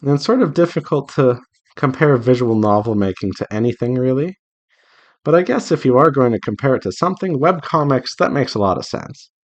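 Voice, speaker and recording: The man's medium-pitched voice is expressive and brisk. A visual novel developer hosting a draw-along devlog, he chats casually with his viewers as he works, his thinking aloud rambling and self-reassuring.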